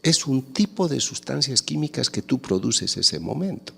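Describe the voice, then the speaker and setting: Husky low-voiced guy giving a talk, big reverby hall, acts out little family scenes. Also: big pitch swings, moderate pace, bright, forceful tone, faint music behind. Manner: explains with acted-out family dialogues. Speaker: lecturer. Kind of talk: conference talk.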